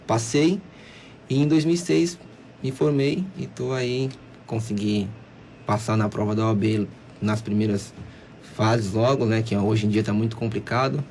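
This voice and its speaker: A Brazilian man in his late twenties answers on live radio in a fairly low voice. He stops and restarts his phrases, then rushes ahead. A faint ambience runs under the studio sound. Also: steady tone, a little mellow, slight background noise. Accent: Brazilian Portuguese, São Paulo coast. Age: 20s. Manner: hesitant, repeats words, then speeds up. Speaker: guest lawyer.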